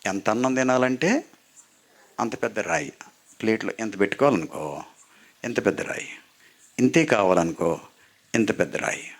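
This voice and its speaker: Lower-voiced male priest preaching. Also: lively intonation, moderate pace, pauses often. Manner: preaching with call-and-response to the congregation; mixes in English phrases. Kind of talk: sermon.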